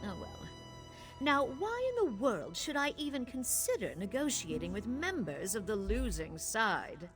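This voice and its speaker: A haughty usurper queen in a fantasy video game. Her delivery swings widely in pitch, imperious and mocking, with a cruel seductive streak. Soft music plays under her voice. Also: very animated, measured pace. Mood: bored disdain.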